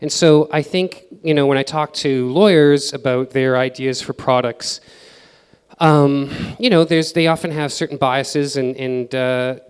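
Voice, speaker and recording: A man's voice: medium pitch, clear, resonant tone. Casual man speaking in a reverberant hall. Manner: casual, filler-heavy advice with acted-out quotes. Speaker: conference speaker. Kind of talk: conference presentation. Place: conference hall.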